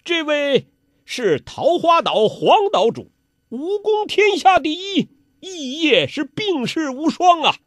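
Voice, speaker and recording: A proud, scheming old martial-arts master, put on by a male storyteller, raised high above his usual voice and swinging wildly in pitch. He exclaims in a theatrical way, and the sound is dry and close. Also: very animated, slow pace, fairly bright tone, dry recording, exaggerated voice. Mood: boastful.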